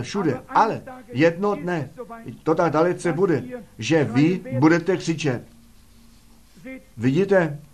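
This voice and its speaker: A man's voice: a little high, darkish tone. A man preaching a sermon fervently, firing rhetorical questions at the congregation.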